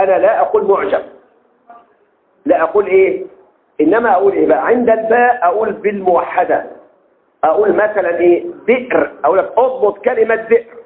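A man with an Egyptian accent teaching a class, drawing out key terms slowly and constantly asking the students rhetorical questions. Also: sits high. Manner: slow and drawn-out on key terms. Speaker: teacher of Arabic text verification. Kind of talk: classroom lecture. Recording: echoey room over a tinny phone-like line.

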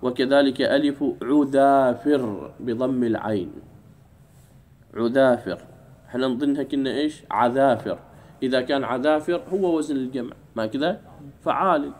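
A man teaching an Arabic grammar lesson in a classroom, drawing out key words slowly and keeping the class engaged with questions. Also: medium pitch, a little mellow. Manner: drawls key words slowly, keeps asking "what?".

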